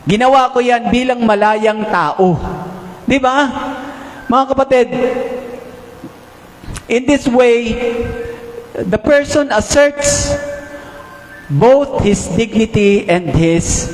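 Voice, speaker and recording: A man with a Filipino accent preaching in a church, his voice sitting high and his delivery unhurried. Key lines are drawn out slowly, the pitch swinging up and down. The sound rings with the long reverb of a large room. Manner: animated, swings pitch up and down, drawn-out emphatic English phrases. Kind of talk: sermon. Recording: echoey hall, long reverb.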